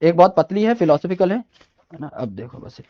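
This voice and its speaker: A man's voice: fairly high pitch, big pitch swings, brisk. Guy teacher giving study tips, casual and pushy, keeps repeating himself, kinda muffled audio. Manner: chatty and emphatic, repeats key points, addresses listeners as brother. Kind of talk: informal study-advice lecture.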